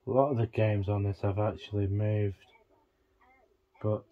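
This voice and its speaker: A man vlogging a casual tech walkthrough, thinking aloud in a halting, rambling way. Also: fairly low pitch, little pitch movement, phone-quality sound.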